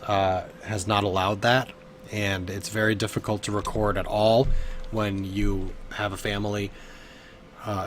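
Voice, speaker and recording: A man's voice: lowish voice, slight background noise. A man in his thirties, a bit drunk, giving rambling, profane live commentary while playing a game from his bedroom. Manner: rambling, swearing, laughing often. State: tipsy from drinking. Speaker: streamer. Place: home bedroom.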